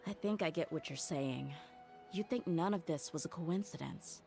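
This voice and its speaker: A woman's voice: low-pitched, normal speed, vocal fry, music in the background. A woman voicing a blunt, loyal female mercenary bodyguard in a game, frank and casual in her speech. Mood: earnest. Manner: frank and casual, with heavy sighs.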